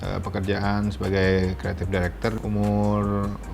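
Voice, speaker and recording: Relaxed man in his thirties. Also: on the low side, a little slow, gravelly, faint music behind. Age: 30s. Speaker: creative director.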